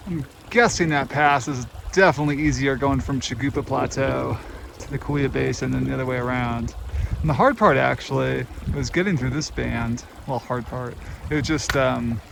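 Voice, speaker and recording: Background noise accompanies a man with a medium-pitched, creaky voice who records himself on a backpacking trip across high mountain passes and boulder fields. Talking to the camera, he chats loosely, thinks out loud, chuckles at himself, and is occasionally short of breath.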